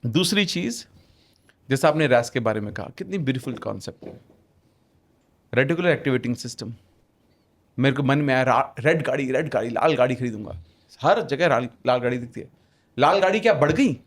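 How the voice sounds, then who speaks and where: A man's voice: mid-range voice, expressive, fairly quick, pauses often. A man talking as a podcast guest in casual conversation, emphatic and repeating phrases for stress, often switching into English. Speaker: podcast guest, manifestation author.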